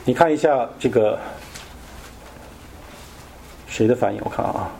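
A man's voice: mid-range voice, measured pace, creaky, noisy background. A man teaching a Bible study in a casual, conversational way, often asking his listeners questions.

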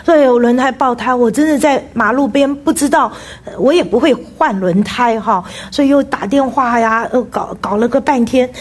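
High-voiced woman preaching with fervor. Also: normal speed. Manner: animated, rising to loud exclamations, frequent fillers. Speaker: pastor's wife preaching. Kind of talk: sermon.

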